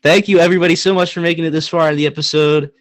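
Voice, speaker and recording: A young man co-hosting a casual sports podcast, talking in an animated, joking way and hammering points with repetition. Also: a little high, very fast, no echo. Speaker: podcast co-host.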